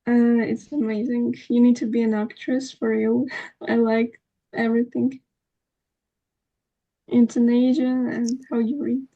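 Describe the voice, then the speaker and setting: A woman praising a reader in casual chat, speaking in halting English. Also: fairly high pitch, flat delivery, warm tone, highs cut off.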